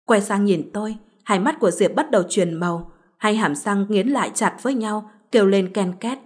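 A woman narrating a late-night story in a measured, even reading style. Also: mid-range voice, breathy edge.

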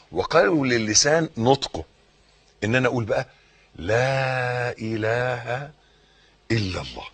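Husky, animated Egyptian preacher man. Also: on the high side. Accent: Egyptian Arabic. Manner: swings between raised emphasis and soft, hushed phrases; repetitive, teacherly, asks listeners questions. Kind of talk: sermon.

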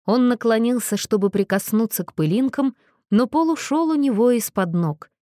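A woman narrating an audiobook in a steady, expressive way. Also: on the high side, normal speed, dry recording, clean studio sound.

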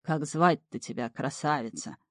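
A woman voicing a fat, bald old male swamp water-devil with a booming bass voice and ceremonious, blustering manner. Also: normal speed, no room sound, studio quality.

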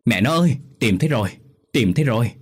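A man's voice: low-pitched, normal speed, darkish tone, husky. A man voicing a poor, anxious village father who talks eagerly and pleads. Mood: excited.

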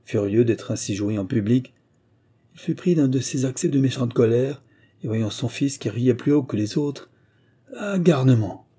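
A man reading a nineteenth-century short story aloud in a measured storytelling manner. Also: medium pitch, dark tone, slightly rough. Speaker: audiobook reader. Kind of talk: scripted literary narration.

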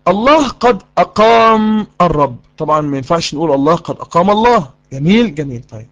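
A man with an Egyptian Arabic accent teaching a live online course, quizzing his students and repeating key lines for emphasis. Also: sits high. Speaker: religious course instructor.

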